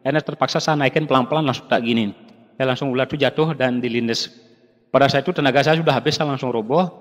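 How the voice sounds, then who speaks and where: A man giving an emotional testimonial at a business seminar, acting out the voices of the people in his story and speaking to the audience as ladies and gentlemen. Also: mid-range voice, fast talker. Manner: animated, acts out dialogue, addresses audience as Bapak Ibu. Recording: long hall reverb.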